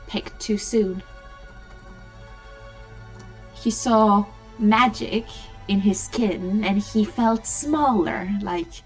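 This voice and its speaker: Woman putting on a slow, gloating old hag. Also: mid-range voice, poor audio. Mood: scornful, gloating. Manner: slow, theatrical, gloating storytelling. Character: proud, scornful old hag reading her cunning journal. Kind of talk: dramatic in-character reading in a tabletop game.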